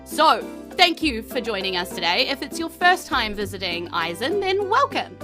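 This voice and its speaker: A woman with a New Zealand accent hosts a tabletop game podcast as game master, narrating at a moderate pace in a slightly high voice. She's chatty, playful, animated, and giggly, with music playing behind her.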